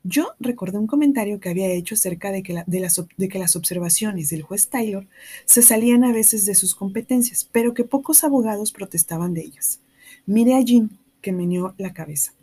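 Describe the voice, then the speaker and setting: A woman's voice: mid-range voice, fairly quick, dark tone, breathy edge. A woman reading a novel aloud, narrating plainly and giving the dialogue light voices. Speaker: audiobook reader.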